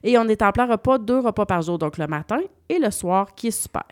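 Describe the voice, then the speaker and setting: Québécois woman, travel columnist, dry close sound, lively explainer. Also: medium pitch, a little fast, clean tone, dry recording. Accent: Québécois French. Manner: lively, explanatory, spells out place names. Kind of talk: radio travel segment.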